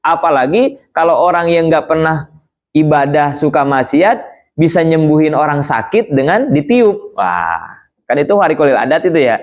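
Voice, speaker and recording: A man's voice: fairly high pitch, animated, normal speed. A man teaching an Islamic creed lesson to young students in a conversational way, often putting questions to his listeners. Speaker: religious teacher.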